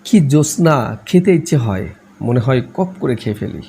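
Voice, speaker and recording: Guy doing a cheeky young uncle, teasing, gravelly voice a bit raised. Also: mid-range voice, lively intonation, normal speed, dark tone, a little hiss or hum, natural voice. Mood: playful. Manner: teasing and exuberant. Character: playful, teasing young uncle, mischievous and lively.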